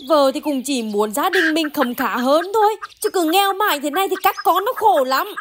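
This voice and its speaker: A woman's voice: sits high, moderate pace, fairly bright tone. A woman playing a struggling village wife who speaks earnestly and pleads with her husband. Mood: pleading. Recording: noisy outdoor skit recording.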